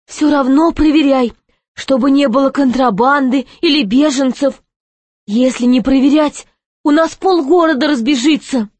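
A woman's voice: high-pitched, normal speed, a little mellow, no echo, voice pushed up, close to an everyday voice. Lazy gate guard, drawling and long-winded, voiced by a woman. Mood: rambling. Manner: drawling, rambling.

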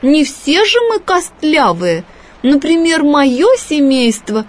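A woman's voice: sits high, very animated, takes it slowly, pitched above the performer's own voice, full character voice. A woman voicing a big, prim, touchy fish in a storybook reading, huffy and indignant. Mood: offended.

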